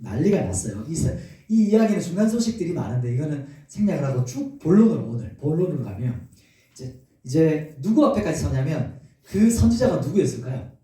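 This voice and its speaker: A male pastor preaches with a lively, rising-and-falling voice and a warm, dark tone. He tells the story animatedly and keeps asking the congregation questions. He sounds far from the mic in a very echoey church. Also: on the high side, fairly quick. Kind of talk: sermon.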